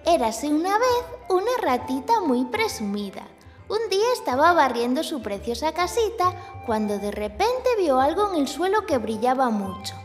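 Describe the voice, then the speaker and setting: A woman narrating a children's tale in a gentle, expressive way. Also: sits high, moderate pace. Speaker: children's storyteller. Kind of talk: scripted storybook narration. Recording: long hall reverb, faint music.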